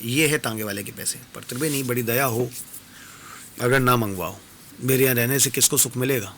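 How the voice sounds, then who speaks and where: A man voicing a flustered, guilt-ridden male guest who pleads and apologizes in a hurried way. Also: mid-range voice, a bit bright, slight background noise, lightly acted. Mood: pleading.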